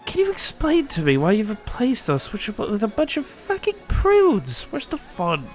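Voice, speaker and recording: A man's voice: sits high, wildly swooping pitch, moderate pace, soft background music, voice pushed up. A man voicing a flirty, party-loving noblewoman in a tabletop game, teasing and bubbly.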